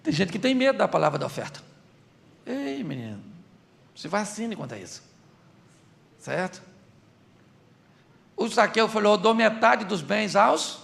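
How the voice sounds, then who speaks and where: A man's voice: high-pitched, gravelly, a bit bright. A man preaching a humorous sermon as a pastor, in Brazilian Portuguese, joking and asking the crowd questions.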